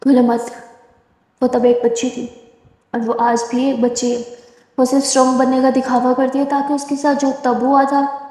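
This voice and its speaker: A woman voicing a calm, grave male doctor who explains things bluntly, in a storybook narration. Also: high voice, close to an everyday voice. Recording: heavy echo, long hall reverb.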